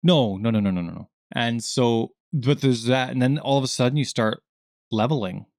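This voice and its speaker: A man co-hosting a casual gaming podcast, talking in an animated way and acting out the questions he quotes in a higher voice. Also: normal speed, gravelly, no room sound, studio quality. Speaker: podcast co-host.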